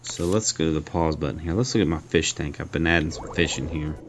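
A man's voice: rumbling low, quick pace, background noise. A man giving casual, chatty commentary while playing and reviewing a mobile game, thinking aloud and poking fun at his own mistakes. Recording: faint game music behind.

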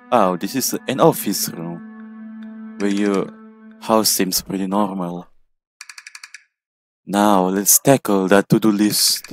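A man commentating on a horror game as he plays, joking and chatting to an in-game companion. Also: deep voice. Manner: jokey, chats to an in-game companion. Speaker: gamer playing a horror game. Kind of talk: let's play commentary.

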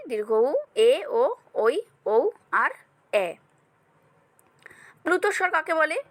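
A woman teacher with a Bengali accent, going through exam questions in a steady question-and-answer style and speaking directly to her students. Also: sits high, no echo. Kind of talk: exam revision lesson.

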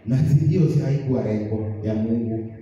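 A man's voice: medium pitch, normal speed, dark tone. A young Kenyan man preaching a sermon in a church, switching between English and Swahili and putting questions to the congregation. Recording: roomy, distant, dull church broadcast.

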